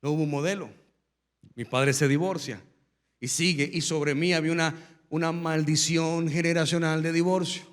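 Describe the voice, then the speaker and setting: A man preaching a sermon as pastor, telling his own testimony and building to loud, emphatic preaching. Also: a little high, fairly even intonation, moderate pace, long reverb tail.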